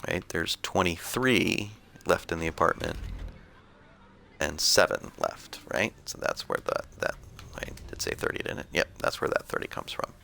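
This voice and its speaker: Low-voiced man, gravelly, bright edge, casual game commentary, thinking aloud. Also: moderate pace, a little hiss or hum. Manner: relaxed, explanatory, thinking aloud. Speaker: gameplay commentator.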